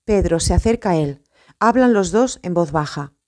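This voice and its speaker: Woman audiobook narrator, solemn measured reading, mellow dark tone. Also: fairly low pitch, lively intonation. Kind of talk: scripted religious audiobook narration.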